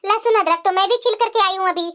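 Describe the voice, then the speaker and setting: Cartoon: resigned older aunt, high and bright. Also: female voice, fast talker. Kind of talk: Hindi cartoon family drama.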